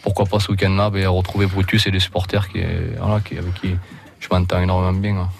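A man's voice: low-pitched, completely flat delivery, fast talker, faint music behind. A man in his thirties with a Roussillon French accent, a rugby league player talking casually as a radio guest, hesitant and full of restarts.

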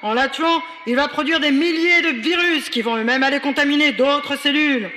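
A man's voice: very high voice, normal speed, sharp tone, long reverb tail, slight background noise. A man playing an immune system commander who barks urgent orders to his units like a police radio dispatcher, in a children's news sketch.

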